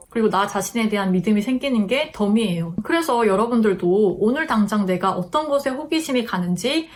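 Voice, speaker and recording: A young woman talks her viewers through self-improvement advice in a relaxed, chatty vlog. Her voice sits slightly high, and she is friendly and now and then acts out her own inner thoughts. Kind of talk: casual advice talk to camera.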